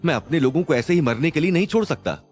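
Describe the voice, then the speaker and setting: A man's voice: a little high, expressive, fast, breathy edge, voice pushed up. A man voicing an impulsive young man in an audio drama, speaking in an agitated, eager way. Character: impulsive young man, loyal to his people.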